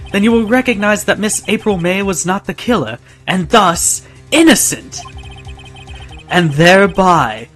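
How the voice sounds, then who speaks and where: A haughty prosecutor laying out terms with cool condescension , as a man voices him. His voice sits a little high, with faint game music behind. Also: a bit bright. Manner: measured, condescending, formal. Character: cold, haughty male prosecutor.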